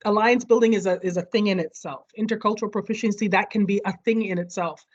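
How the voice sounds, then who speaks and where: Over muffled video call audio, a study session leader talks fast at a medium pitch with fairly even intonation. She explains a topic to her online group and checks in with each person, all from a home where street fireworks can be heard nearby.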